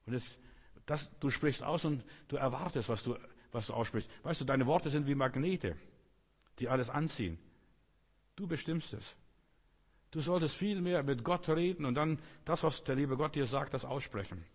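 A man's voice: mid-range voice, normal speed. A man preaching a sermon with emphatic repetition, sometimes acting out complaining voices. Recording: long hall reverb.

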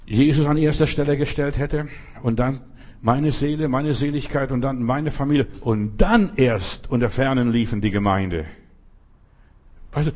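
A man preaching a conversational sermon, talking straight to one listener and acting out the stories he tells. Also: mid-range voice. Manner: speaks directly to one listener, often asks "weißt du"; animated storytelling, acting out quoted voices.

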